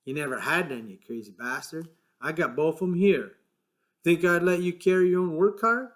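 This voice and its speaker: A man voicing a small, irritable ranch hand who talks gruffly, swears and sounds fed up. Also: fairly high pitch, moderate pace, fairly bright tone, pitched above the performer's own voice, close to an everyday voice. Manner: gruff, exasperated, swearing, rough rural speech.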